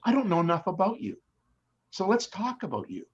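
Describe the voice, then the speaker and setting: Older male host, halting and repetitive, mid pitch; slightly muffled recording. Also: huge pitch swings, husky. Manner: halting, repeats words while starting questions. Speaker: interview host. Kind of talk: casual interview. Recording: slightly dull lo-fi sound.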